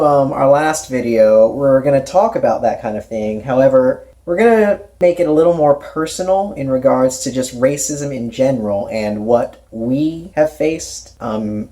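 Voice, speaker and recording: A man co-hosting a video, opening it with a brisk, slightly scripted introduction. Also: medium pitch, dark tone. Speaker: co-host. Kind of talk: video introduction and casual chat.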